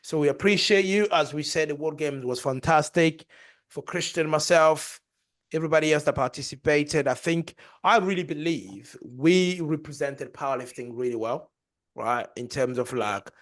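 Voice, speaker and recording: A man's voice: fairly high pitch, normal speed. A man co-hosting a casual podcast chat, talking in a boastful, joking way and laughing often. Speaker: podcast co-host and powerlifter.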